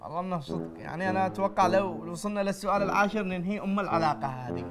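A man playing a blustering, middle-aged father who curses quickly and talks loudly in exasperation, in a comedy sketch. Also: high voice. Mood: teasing. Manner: loud, exasperated, rapid cursing. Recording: music playing behind the voice.

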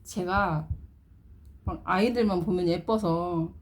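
Middle-aged woman vlogger, unhurried, coos baby talk at dolls. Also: on the low side. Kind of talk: casual doll-play vlog.

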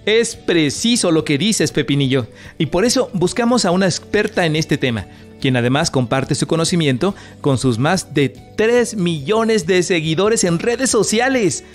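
Brief: man, kids' radio presenter, slightly high voice, faint music underneath. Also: expressive, moderate pace. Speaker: host. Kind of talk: scripted children's radio presenting.

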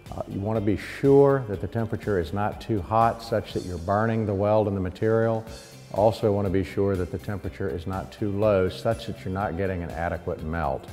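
A man in his forties giving scripted instructional narration as a product presenter, in a steady, measured, explanatory manner. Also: fairly low pitch, long reverb tail. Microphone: lapel mic.

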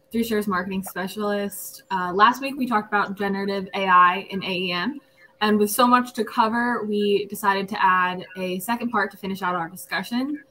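A woman hosting a video-call show, giving a clear, welcoming, read-aloud introduction. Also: mid-range voice, fairly bright tone, slight background noise, rough recording. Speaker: host, marketing specialist.

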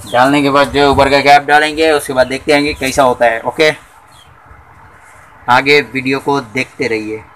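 A man's voice: medium pitch, fairly even intonation, normal speed, fairly bright tone, a little hiss or hum. A man in his thirties hosting a repair channel, casually talking through each step as he works in a small cluttered workshop, recorded on a handheld phone camera. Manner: chatty, explains step by step while working. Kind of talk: casual how-to repair narration.

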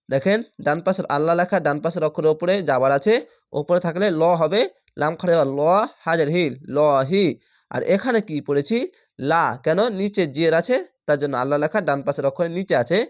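A man teaching Quran reading who spells each word out slowly, syllable by syllable, then chants the whole word, and explains the rules patiently. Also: on the high side. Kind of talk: spelling-out Quran recitation lesson.

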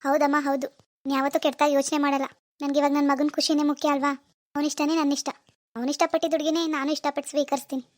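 Woman doing a sorry mother-in-law begging forgiveness, high voice, talks fast. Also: level tone, no echo, clean studio sound, natural voice. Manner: earnest, pleading, apologetic. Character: remorseful middle-aged mother-in-law, pleading. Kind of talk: homemade family drama skit.

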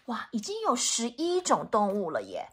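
A mother reading a picture book aloud to her child, animated and teacherly, often asking questions. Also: a little high, normal speed, breathy edge.

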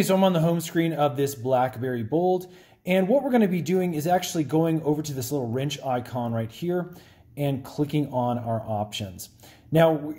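A man's voice: a little high, dark tone. A man hosting a tech tutorial, explaining step by step in a friendly, plain way while working a phone on camera.

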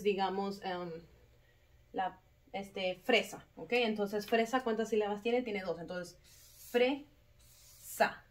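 Chatty woman teacher full of fillers. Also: medium pitch. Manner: chatty, many filler words, self-correcting; sounds out words syllable by syllable. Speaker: kindergarten teacher. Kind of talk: casual explanation to parents.

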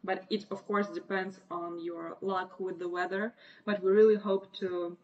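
A woman's voice: fairly low pitch, flat delivery, moderate pace, a little mellow. A woman in her twenties from Russia with a Russian accent, hosting a casual livestream chat. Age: 20s. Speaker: livestream host. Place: small indoor room. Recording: muffled lo-fi webcam stream audio.

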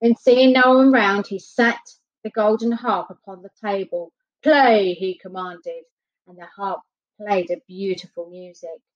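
A woman reading a children's fairy tale aloud, expressive and unhurried. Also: medium pitch. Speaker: storyteller. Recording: dull lo-fi recording.

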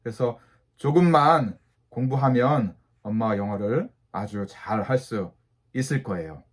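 A man's voice: mid-range voice, measured pace. A man giving a patient beginner English lesson to mothers, saying each letter and asking the listener to repeat it three times.

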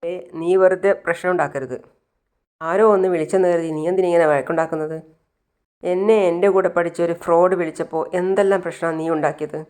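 Touchy defensive young husband, voiced by a woman, loud and snappy. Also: a little high, fairly even intonation, fast talker, clean tone, lightly acted.

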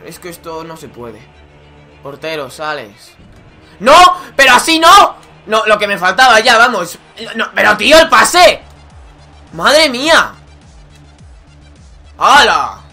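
A young man with a Spain Spanish accent commentates his football video game match. His voice is bright and cutting, and he flips between chatty explanation and loud shouts of frustration. Quiet game music plays behind him. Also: on the high side. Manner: excitable, shouts and groans at the game. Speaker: gaming YouTuber. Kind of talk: live gameplay commentary.

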